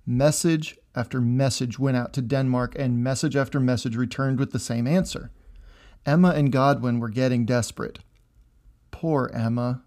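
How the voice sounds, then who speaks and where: A man narrates history for a podcast, scripted but loose and conversational. He drops dry, wry asides as he goes. His voice sits at an ordinary middle pitch. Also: a little mellow.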